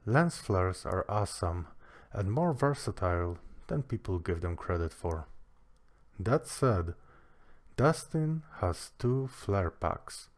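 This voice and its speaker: A man's voice: fairly low pitch, sing-song, takes it slowly. A man giving a casual product review, with a dry, joking manner.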